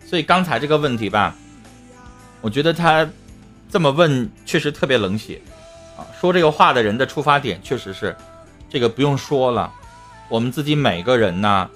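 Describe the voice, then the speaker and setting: A man hosts an advice talk show. His tone is bright and forceful, with a medium pitch, and he argues emphatically through rhetorical questions. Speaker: radio advice show host.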